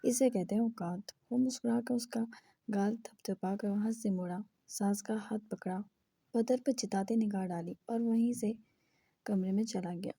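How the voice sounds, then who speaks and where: A woman narrating a romance novel as an audiobook in a steady storytelling read. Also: medium pitch, normal speed, gravelly, husky, dry recording.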